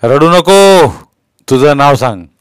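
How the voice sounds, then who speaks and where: A man's voice: on the high side, lively intonation, slow, smooth, no echo, pitched above the performer's own voice. A man reading a story aloud, voicing a stern, bullying police inspector who barks questions. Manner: barking, interrogating.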